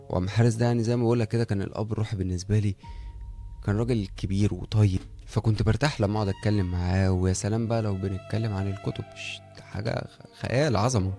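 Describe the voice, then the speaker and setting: A young Egyptian man with an Egyptian Arabic accent, telling a first-person horror story in a casual, animated way and acting out the dialogue. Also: lowish voice. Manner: conversational, animated, acts out dialogue.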